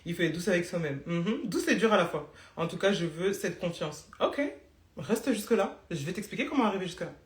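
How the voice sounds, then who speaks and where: A woman's voice: on the low side, expressive, fairly quick, reverberant. A woman coaching beauty entrepreneurs in a live stream, blunt and teasing, tossing in English phrases.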